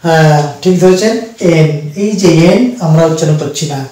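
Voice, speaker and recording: Bengali male teacher, slow patient explainer, fairly high voice, very roomy distant sound. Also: mellow. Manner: slow, repetitive explaining to students. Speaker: English teacher. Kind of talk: spoken lesson. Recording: very echoey room, distant mic.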